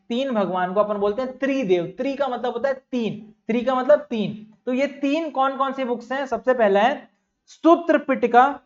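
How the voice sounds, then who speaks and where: A young male teacher giving an exam-prep lecture, who repeats key words, asks the class questions and calls his students bhaiya and bachcha. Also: very high-pitched. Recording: dull lo-fi sound.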